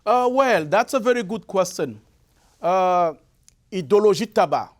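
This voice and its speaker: In a radio or TV studio, this Congolese musician guest, a native Lari speaker, hesitates through his interview answers with frequent fillers and restarts. His voice is high with lively intonation.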